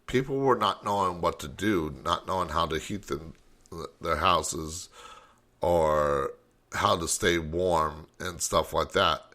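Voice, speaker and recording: A man's voice: sits low, slow pace, sharp tone. A man hosting a late-night call-in talk show, rambling and thinking aloud as he goes.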